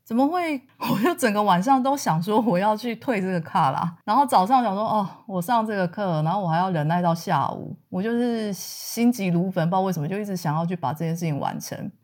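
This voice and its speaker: A woman from Taiwan, telling a personal story in a casual, animated way, laughing often and acting out what people said. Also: medium pitch, fast, few pauses. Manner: animated, laughs often, acts out quoted dialogue.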